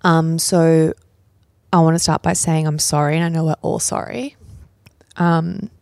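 A woman hosting a podcast, asking her guest gentle, earnest questions. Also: deep voice, little pitch movement, a little slow, gravelly, no room sound, clean studio sound. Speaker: podcast host. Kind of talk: interview.

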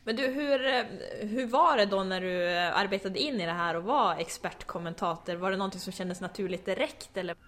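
A woman journalist with a broad northern Swedish dialect asks questions in a relaxed, chatty tone. She fills pauses with short murmurs of agreement. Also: medium pitch. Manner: chatty, brief backchannels. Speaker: interviewer, journalist. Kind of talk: casual interview questions.

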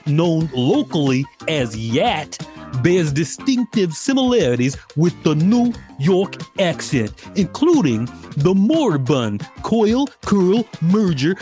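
A man doing an overdone Brooklyn accent while reading a dry text aloud. The pitch rises and falls in lively swings, and the delivery stays mock-serious. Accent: Brooklyn, exaggerated.

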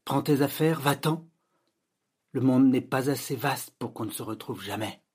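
Casting: man reading as a sobbing storybook screen diva, grand and declamatory, a touch husky. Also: mid-range voice, normal speed, a little mellow, natural voice. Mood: tragic. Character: melodramatic woman film star, tearful.

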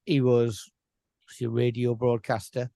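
A man's voice: medium pitch, monotone, normal speed, creaky, dark tone, no echo, studio quality. A man co-hosting a casual podcast chat, laid-back and rambling, laughing often. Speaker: podcast co-host.

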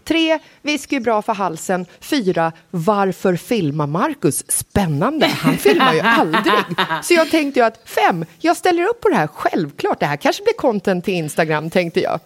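A woman co-hosting a podcast in casual chat, dramatic and expressive as she tells a story. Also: mid-range voice, few pauses. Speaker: podcast co-host.

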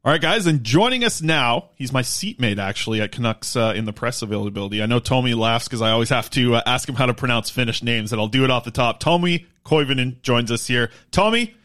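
A man's voice: mid-range voice, a bit bright. A man hosting a sports podcast, chatting casually as he interviews a guest.

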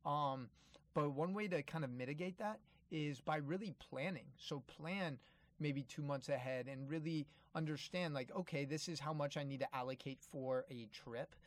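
This motivational travel speaker has a fairly high voice, recorded with no room sound. His talk is casual yet earnest, addressed directly to the audience, with key phrases said again for emphasis.

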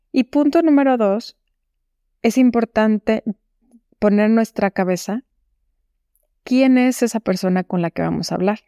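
A woman hosting a solo advice podcast. She explains calmly and speaks directly to the listener. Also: medium pitch, no room sound, studio quality. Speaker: podcast host.

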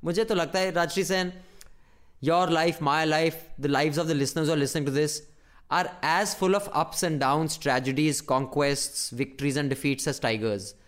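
A man's voice: a little high, normal speed, a bit bright. A man with a North Indian accent chatting casually and emphatically as a podcast co-host, swearing freely. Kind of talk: casual opinionated chat.

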